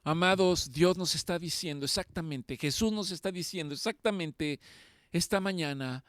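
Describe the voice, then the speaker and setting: A man's voice: fairly high pitch, moderate pace, a bit bright, no echo. A man preaching a sermon as pastor, impassioned and emphatic, repeating key phrases for weight.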